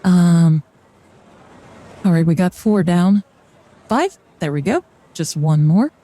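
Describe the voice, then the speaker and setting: A young woman with a lowish, dark voice and lively intonation takes her time chatting on a live stream. She jokes and rambles during a card reading, using fillers and quick laughs along the way.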